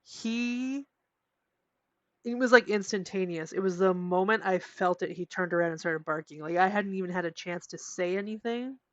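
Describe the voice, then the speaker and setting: Young woman, podcast co-host, low-pitched, chatty storyteller who swears freely, recorded dry and lo-fi. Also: normal speed, no echo. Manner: animated storytelling, frequent "like" and swearing. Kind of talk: casual chat. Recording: dry, dull lo-fi podcast audio.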